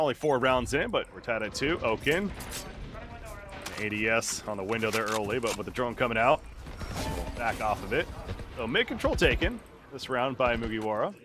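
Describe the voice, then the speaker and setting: A man working as an esports caster, giving live play-by-play commentary on a game. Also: medium pitch. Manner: excitable during action, relaxed between rounds.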